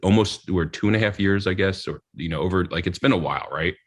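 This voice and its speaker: A man's voice: low-pitched, quick pace. A man co-hosting a podcast, telling rambling, self-mocking stories in casual chat and acting out what other people said. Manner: rambling, self-mocking storyteller who acts out others' lines. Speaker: podcast co-host.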